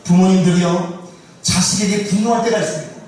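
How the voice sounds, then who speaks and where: A man's voice: high-pitched, fairly even intonation, a little fast, darkish tone, a little hiss or hum. A male pastor preaching a sermon and often putting questions to his congregation. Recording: echoey church hall, distant mic.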